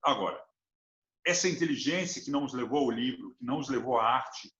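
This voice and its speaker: A man's voice: medium pitch, expressive, fairly quick, a bit bright. A man from Brazil with a Brazilian Portuguese accent, speaking as an interview guest in an earnest, thoughtful way and building his points with examples. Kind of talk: reflective interview talk. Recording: roomy, dull lo-fi sound.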